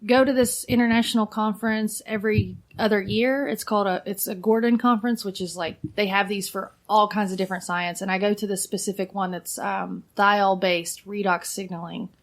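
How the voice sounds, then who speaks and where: Podcast guest, woman in her thirties, talkative and giggly, unhurried everyday delivery. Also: medium pitch, fairly even intonation. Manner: chatty, fillers of "like", frequent laughter. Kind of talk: casual chat.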